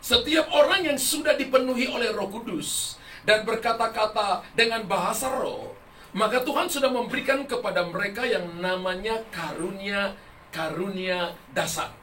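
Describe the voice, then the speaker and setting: A male pastor with a high, bright, forceful voice delivers an emphatic sermon. He drives hard on key words and tells stories with quoted dialogue. He is heard from a distance in a reverberant hall. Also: normal speed, slight background noise. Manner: emphatic preaching, rising loud on key words. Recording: echoey hall, voice from far off the mic.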